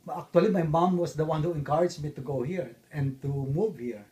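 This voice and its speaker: A middle-aged man from the Philippines, answering interview questions about his life in a halting way with many fillers. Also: on the high side, warm tone. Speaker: interviewee, father.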